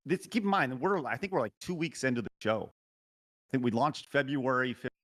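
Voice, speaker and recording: A man's voice: mid-range voice, expressive, moderate pace, a bit bright. A man hosting a show, talking in a rambling, hesitant way over a remote call whose audio keeps breaking up and cutting out. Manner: rambling, hesitant, lots of filler and restarts. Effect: choppy, breaking-up call audio that cuts in and out. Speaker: show host interviewing a guest. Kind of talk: casual interview over a call. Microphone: remote call mic.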